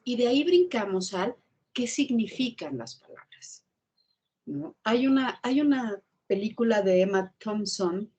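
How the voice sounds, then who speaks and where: A woman with a Mexican accent telling a lively story as a guest on a video call, in an animated way. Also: mid-range voice, breathy edge. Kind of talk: storytelling in an online class interview.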